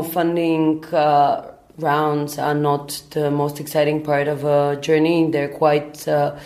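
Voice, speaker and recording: A woman from Bulgaria, in her thirties, a startup founder answering interview questions in a thoughtful way, often pausing with ums and uhs. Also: low voice, a little mellow.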